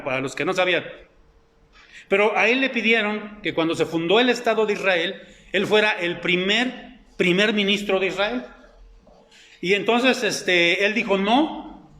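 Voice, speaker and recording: A man's voice: high voice, bright, forceful tone. A middle-aged man preaching a sermon over slides, in a conversational way full of fillers and rhetorical questions. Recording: echoey room.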